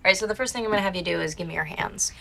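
An actress playing a nervous, accommodating psychic who speaks as a hesitant, coaxing seance medium. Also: female voice, medium pitch, racing, vocal fry, fairly bright tone, slight background noise.

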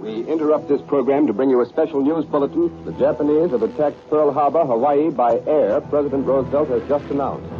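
A male radio announcer cutting into a program with an urgent news bulletin, speaking fast and loud on an archival broadcast. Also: medium pitch. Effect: archival radio broadcast cut into by a bulletin. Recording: dull old radio recording with music.

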